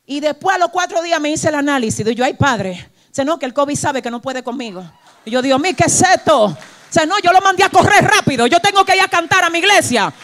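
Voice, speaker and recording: A woman pastor, preaching a sermon in an animated way, shifting between shouts and hushed asides. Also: fairly high pitch.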